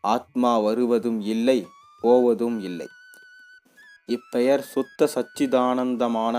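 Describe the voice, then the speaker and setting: A man reading as a calm, wise queen mother. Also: medium pitch, natural voice.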